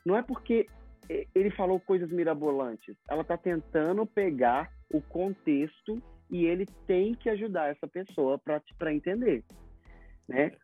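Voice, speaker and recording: A man's voice: on the high side, lively intonation, moderate pace, faint music behind. A Brazilian man teaching English pronunciation in an interview, explaining with acted-out example dialogues. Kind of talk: casual interview talk. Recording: tinny phone-like sound.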